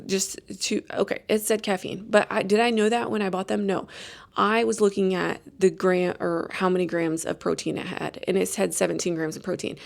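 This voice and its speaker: A podcast host tells a rambling, self-deprecating story in a casual, chatty way, restarting often. Her mid-range voice is creaky, with a level tone and moderate pace.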